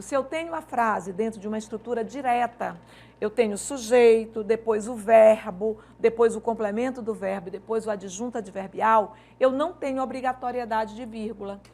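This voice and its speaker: A woman teacher explains grammar in an online exam-prep lesson. Her voice sits a little high and carries a gravelly rasp. She works through the points step by step and keeps checking in with the viewer. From Maranhão, Brazil. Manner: explanatory, uses rhetorical questions and checks like "certo?". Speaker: Portuguese language teacher.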